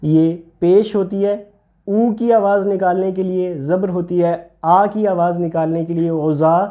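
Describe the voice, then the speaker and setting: A man's voice: fairly even intonation, lo-fi sound. A man teaching handwriting step by step, patiently explaining each stroke as he writes. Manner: patient, explains while writing, drops low for "see this". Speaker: calligraphy teacher.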